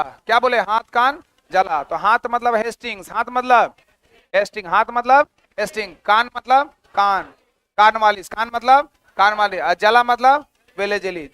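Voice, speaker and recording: High bright-voiced male teacher drilling answers. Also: clear, resonant tone, no room sound. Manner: drills answers by asking and repeating them. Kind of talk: exam-prep history lecture.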